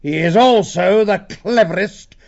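A man voicing a huge, fierce old male badger lord who speaks slowly and gravely. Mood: stately. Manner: slow, booming and grave. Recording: dull lo-fi audiobook recording.

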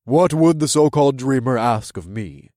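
Stern underground mole-people chief, slow formal speech, dry close sound, a guy putting him on. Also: mid-range voice, animated, a little mellow, no echo, natural voice. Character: stern, guarded male leader of the mole people.

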